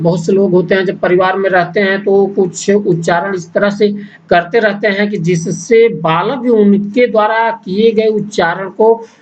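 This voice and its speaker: A male teacher giving an exam-prep lecture, slowly listing points one by one with pauses between them. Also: high voice, lo-fi sound. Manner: slow, deliberate, pausing between list items.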